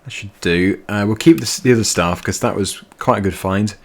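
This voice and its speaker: A let's play gamer with a low, creaky voice offers casual gameplay commentary at normal speed. He's chatty and rambling and laughs easily while playing the video game.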